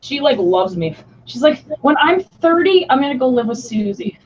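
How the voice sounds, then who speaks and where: A woman's voice: sits high, sing-song, moderate pace. A woman in her late twenties co-hosting a casual chat with friends, rambling and giggly, often cutting herself off mid-sentence. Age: late 20s. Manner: rambling, giggly, self-interrupting. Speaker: co-host. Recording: dull lo-fi sound with faint noise.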